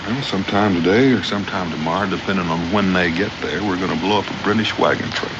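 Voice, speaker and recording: An actor playing a steady, principled frontiersman in a 1960s TV western, with a plain-spoken, folksy cowboy manner. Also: sits low, fast talker, close to an everyday voice. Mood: firm. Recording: muffled, noisy old TV soundtrack.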